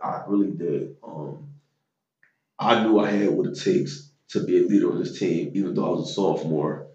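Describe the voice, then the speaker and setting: A man in his thirties telling stories about his high school football days in a loose, slangy way with lots of fillers. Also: normal speed, mellow, echoey room, dull audio. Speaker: interview guest, former football player. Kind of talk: casual storytelling interview.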